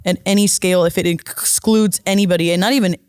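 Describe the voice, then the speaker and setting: A woman's voice: fairly low pitch, steady tone, fast, darkish tone, clean tone, no echo, studio quality. A woman co-hosting a podcast, chatting casually in an informal, emphatic way. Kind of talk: casual chat.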